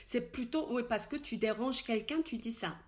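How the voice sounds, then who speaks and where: A woman teaches in French with frequent fillers and restarts. She slowly repeats each expression several times so it can be copied. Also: a little high. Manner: slow, repeated model pronunciations of Korean words. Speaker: Korean language teacher. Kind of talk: casual spoken language lesson.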